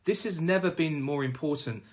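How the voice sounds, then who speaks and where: A man's voice: on the high side, moderate pace. A man giving a direct instructional talk as a business finance trainer, speaking emphatically and addressing viewers as "guys.".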